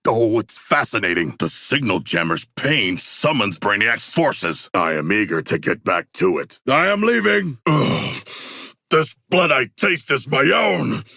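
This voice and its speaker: A male actor voicing a huge, earnest, literal-minded shark-man warrior in a video game, with a deep, gravelly voice and formal, stilted phrasing. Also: sing-song, measured pace, bright, forceful tone, dry recording, clean studio sound, exaggerated voice. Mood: battle fury. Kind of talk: video game character voice lines.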